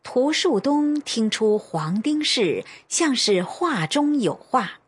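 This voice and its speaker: A woman narrating a radio drama in a measured, expressive way. Her husky voice moves through lively pitch, and she reads slowly. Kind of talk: scripted storytelling narration.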